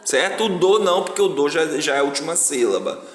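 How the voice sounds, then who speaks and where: Brazilian male teacher, slightly high voice, slow deliberate delivery; roomy reverberant sound, faint background noise. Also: animated. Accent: Brazilian Portuguese. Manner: patient, drawn-out syllables. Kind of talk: slow classroom explanation. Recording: echoey room, faint noise.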